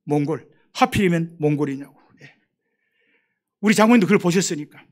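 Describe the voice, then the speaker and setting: Man, middle-aged, high voice, missionary sermon, storytelling, emphatic exhortation. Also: brisk. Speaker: missionary preacher.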